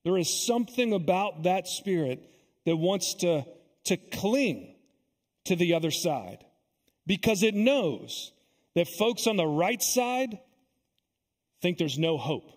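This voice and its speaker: A man preaching in a church sanctuary, his fairly high, slightly husky voice carrying a long echo. He speaks earnestly, slowing down on key words and repeating phrases for weight. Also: big pitch swings. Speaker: pastor. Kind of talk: sermon.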